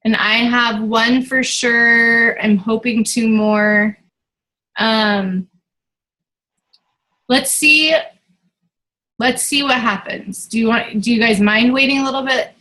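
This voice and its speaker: A woman with a fairly high voice leads a relaxed team meeting as its coach. She talks in a loose, chatty way, full of fillers and false starts. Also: slow pace, pauses often, rough recording. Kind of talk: casual team meeting talk.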